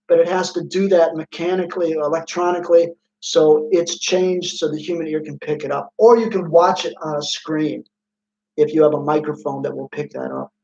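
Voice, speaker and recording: High-voiced man teaching physics online. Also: gravelly, a little mellow. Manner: playful, chatty, quizzes students by name. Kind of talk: online class lesson. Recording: roomy, dull lo-fi sound.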